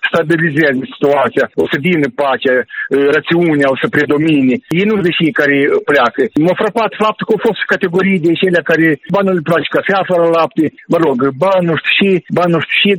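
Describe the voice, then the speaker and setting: A man with a Moldovan Romanian accent and a fairly high voice. He answers an interview as a local mayor, rambling and stumbling through his points with frequent hesitations and restarts. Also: fairly bright tone, low-quality recording. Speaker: town mayor.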